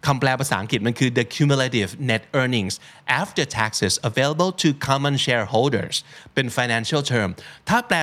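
A man's voice: mid-range voice, fairly bright tone. A man hosting a casual vocabulary podcast, explaining words in a chatty way and spelling them out letter by letter. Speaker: podcast host.

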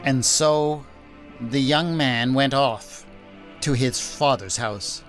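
A man narrating a retold Bible story in a measured, gentle storytelling manner. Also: mid-range voice. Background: faint background music.

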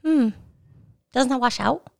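A woman co-hosting a casual chat, telling animated stories and laughing often. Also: high voice, measured pace, gravelly. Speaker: podcast co-host.

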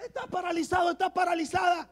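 A male pastor preaching an emphatic sermon to a church, swinging from loud declarations to low asides. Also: little pitch movement, fast.

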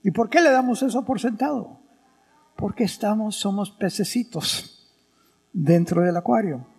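A male priest preaching a sermon in an animated teaching manner, throwing rhetorical questions at the congregation. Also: sits high, measured pace, vocal fry, slightly rough. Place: church. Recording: reverberant church hall.

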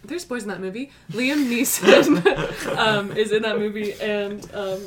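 A woman co-hosting a casual podcast, chatty and quick with asides while recapping a film. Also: mid-range voice, a crowd in the background. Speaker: podcast co-host.

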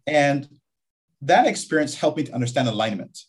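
A man's voice: on the high side, big pitch swings, fairly quick, breathy edge. A man from Guyana, a community college vice president, talking reflectively in an interview with frequent restarts. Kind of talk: interview conversation.

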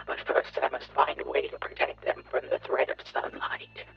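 A man voicing a scheming, cruel male insect villain who reads his plans aloud like a pompous journal, in a gravelly, raspy voice on a dull, lo-fi recording. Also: mid-range voice, level tone, unhurried, heavily acted. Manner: pompous, theatrical journal narration. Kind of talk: dark comedy audio story.

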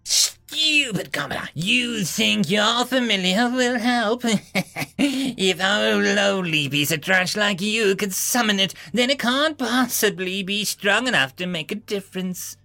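Man doing a raised-pitch noble voice, sneering, entitled, slow drawn-out shouting. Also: lively intonation, faint music behind, exaggerated voice. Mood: mocking. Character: arrogant short male noble winged creature.

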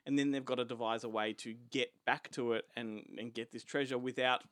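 A man's voice: medium pitch, fairly even intonation, brisk, fairly bright tone, dry recording, studio quality. An Australian man co-hosting a podcast, telling a film's story in casual chat and laughing often. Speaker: podcast co-host.

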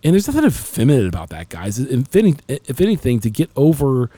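A middle-aged man speaks in a relaxed, mellow voice, telling personal stories with earnest emotion and frequent restarts. The sound is close and dry, in casual podcast conversation. His pitch sits in an ordinary middle range. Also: quick pace, no echo.

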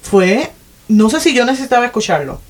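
A woman's voice: a little high, a little fast. A woman, chatting animatedly as a podcast co-host, often correcting herself mid-sentence. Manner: animated, self-correcting, frequent "o sea". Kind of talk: casual chat.

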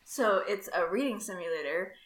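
A woman co-hosting a gaming podcast, pitching silly ideas in a playful deadpan way. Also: normal speed. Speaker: podcast co-host. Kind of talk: casual chat. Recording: echoey room with faint noise.

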